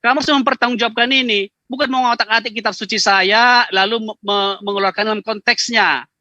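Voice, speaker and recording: High-voiced man lecturing in a debate. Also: fairly even intonation, a little fast, bright, forceful tone, no room sound, muffled recording. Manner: lecturing, combative. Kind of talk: heated online debate. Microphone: video call.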